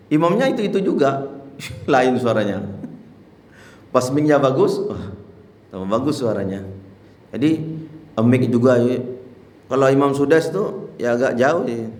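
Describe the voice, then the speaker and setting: A man's voice: medium pitch, darkish tone. Man teaching prayer rules in roomy hall. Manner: demonstrates chanted recitation between plain explanation. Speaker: Islamic teacher. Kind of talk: religious lesson in a mosque. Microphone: handheld mic.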